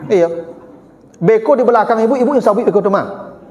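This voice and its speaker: A man's voice: sits high, brisk, a little mellow, dull audio. A man with a Minangkabau accent preaching a sermon in a chatty, teasing way, acting out everyday exchanges. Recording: roomy hall with long reverb.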